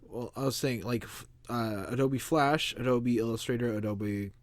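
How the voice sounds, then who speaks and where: A man's voice: medium pitch, fairly even intonation, moderate pace, no room sound. A man co-hosting a podcast in casual chat, answering in short, dry, teasing remarks. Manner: dry, brief replies and teasing. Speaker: podcast co-host.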